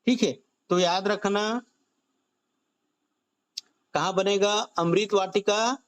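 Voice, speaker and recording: A man runs an online coaching class, his voice sitting high and his pace unhurried. He keeps asking questions, answers them himself, and draws out the key phrases so students will remember them. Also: fairly bright tone, smooth. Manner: drills students with repeated questions and "theek hai"; slow, stretched key phrases. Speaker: exam-prep teacher. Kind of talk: online current-affairs class.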